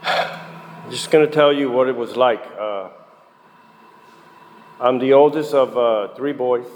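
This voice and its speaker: Middle-aged man sharing a candid testimony at a meeting, mid-pitched, long hall reverb, faint hiss. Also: slow pace. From Puerto Rico, raised in New Jersey. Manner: candid, conversational, with frequent fillers. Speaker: guest speaker at a recovery meeting. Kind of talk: personal recovery testimony.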